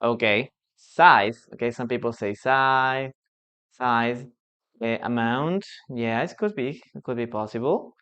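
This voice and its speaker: Slow, patient man teaching English. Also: medium pitch, fairly bright tone, smooth. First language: Spanish. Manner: patient, repetitive, checks understanding with frequent "okay?". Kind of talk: live online English lesson. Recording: dull lo-fi stream audio.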